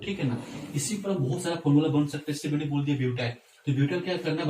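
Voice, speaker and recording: A male chemistry teacher works through a lesson at the whiteboard, asking questions he then answers himself, checking in with students and repeating "theek hai." His voice is medium-pitched and a little mellow. The room is echoey, the mic sits at a distance, and there's slight background noise.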